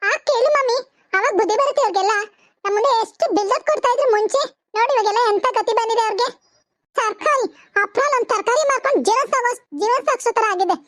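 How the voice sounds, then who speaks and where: A woman's voice: extremely high pitch, fast talker, a bit bright, no echo, clean studio sound. A woman voicing a proud, boastful young woman in a cartoon. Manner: boastful, scornful. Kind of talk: cartoon voice acting.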